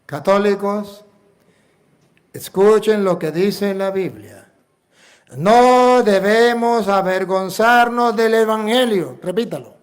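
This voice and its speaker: Emphatic high-voiced Venezuelan priest preaching. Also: male voice, slow pace. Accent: Venezuelan Spanish. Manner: emphatic preacher, rhetorical questions and repetition. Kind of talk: sermon.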